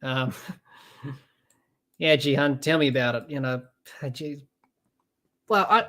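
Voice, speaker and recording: Calling a cricket match live, a young Australian podcast host rambles loosely, chatting with listeners and reading their comments aloud between deliveries. The voice is middle-pitched and fairly bright, and the pace is slow.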